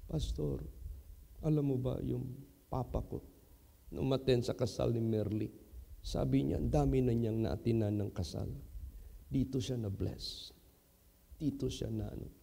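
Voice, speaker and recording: A man with a Filipino accent preaching a sermon as pastor, slow and emphatic, mixing English and Filipino, with sudden loud high-pitched rises on key words. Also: creaky, long reverb tail.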